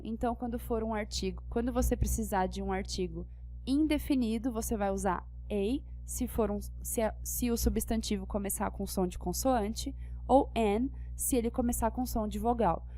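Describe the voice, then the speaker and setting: A woman's voice: fairly high pitch, warm tone. A young Brazilian woman with a Brazilian Portuguese accent, an English teacher explaining grammar patiently and checking that students follow. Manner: patient, checks understanding with questions. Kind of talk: classroom lesson explaining grammar.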